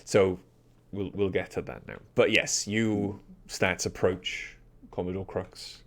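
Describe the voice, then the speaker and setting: Slow, low-voiced male game master. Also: level tone, a bit bright. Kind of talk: narrating and running a tabletop game.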